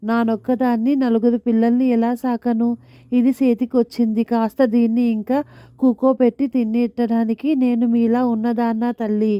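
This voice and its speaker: A woman voicing a harsh, quick-tempered poor village mother who scolds in coarse village speech. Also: on the high side, flat delivery, clear, resonant tone, no echo, muffled recording, close to an everyday voice. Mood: defensive pleading.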